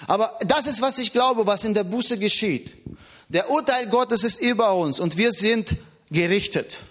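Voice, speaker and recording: High-voiced emphatic male preacher. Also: moderate pace, fairly bright tone. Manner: earnest, emphatic, rises and drops in pitch. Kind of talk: sermon.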